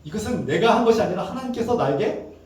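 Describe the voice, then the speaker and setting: A man's voice: high voice, animated, fast talker, darkish tone. A male pastor preaching a sermon with emphatic delivery, sometimes acting out angry, pleading prayers in a raised voice. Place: church sanctuary. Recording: echoey church hall, mic at a distance.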